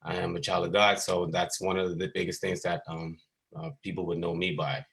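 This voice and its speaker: A Bahamian basketball skills coach in his thirties talks casually and haltingly over a video call, with many ums and restarts. His low-pitched voice stays level, creaky, and a bit bright.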